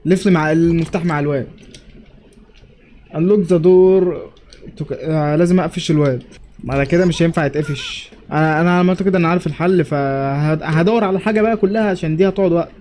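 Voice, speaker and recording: A man's voice: fairly high pitch, fast, a little mellow, slight background noise. A young man with an Egyptian Arabic accent, commenting on his game playthrough in a jokey way and talking back to the characters. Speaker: gamer. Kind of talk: let's play commentary.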